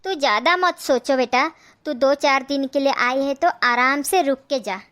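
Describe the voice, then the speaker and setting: एक महिला द्वारा निभाई गई कोमल माँ, जो ऊँची आवाज़ में बच्चों को प्यार से समझाती है।. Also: female voice, high voice, normal speed. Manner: soothing, gentle. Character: soothing mother. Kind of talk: comedy skit acting.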